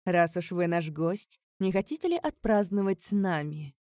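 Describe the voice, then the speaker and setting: A woman voicing a middle-aged king who mocks a captive guest in a loud, theatrical way. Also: fairly low pitch, very animated, normal speed, no echo, clean studio sound. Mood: mocking. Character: mocking middle-aged king gloating in public.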